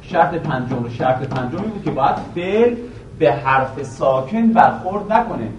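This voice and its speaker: A male teacher giving a classroom grammar lesson, quizzing his students with questions and reciting a verse slowly again and again. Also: fairly high pitch, lively intonation, slight background noise. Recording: echoey room, voice from a distance.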